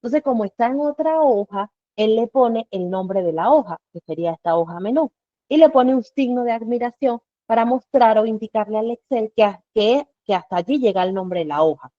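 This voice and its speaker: A woman's voice: on the high side, animated, moderate pace, warm tone, no room sound, highs cut off. Woman teaching step by step. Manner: explains step by step with rhetorical questions. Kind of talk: live online class walkthrough.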